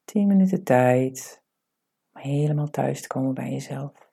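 A woman guides a meditation in a deep, very dark voice. There is gravelly fry in her soft, breathy delivery. She gives calm, soothing instructions and leaves unhurried pauses between them.

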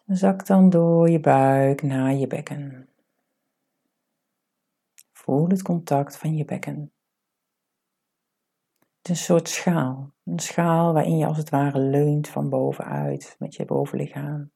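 Speaking in a deep, soft, breathy voice, a woman walks listeners through a guided meditation. Her soothing, calm instructions are separated by unhurried pauses.

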